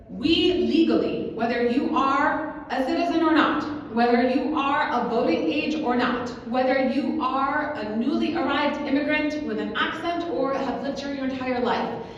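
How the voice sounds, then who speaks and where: Woman, slightly high voice, persuasive convention talk, booming echo, dull distant sound. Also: a little hiss or hum. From grew up in Kuwait. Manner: persuasive, often checks in with the audience by asking "right?". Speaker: advocacy manager speaking at a convention. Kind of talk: conference talk. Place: large convention hall. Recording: echoey hall recording from afar, dull.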